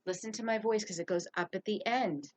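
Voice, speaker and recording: A woman teaching young children to read sentences and write letters, speaking clearly and encouragingly, drawing out her words. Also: medium pitch, a little fast, a little mellow. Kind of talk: early reading and handwriting lesson for young children.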